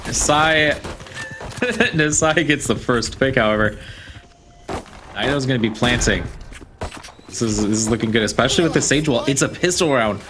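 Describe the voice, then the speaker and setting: A man calling live play-by-play of an esports match in halting bursts, repeating phrases as the action unfolds. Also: medium pitch. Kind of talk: live play-by-play game commentary.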